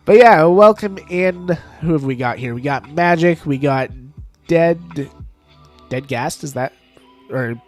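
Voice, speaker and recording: Stuffy-nosed man chatting on a game stream. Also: mid-range voice. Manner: chatty, laughs often, greets viewers. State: stuffed up from allergies. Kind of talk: casual live-stream chat while gaming.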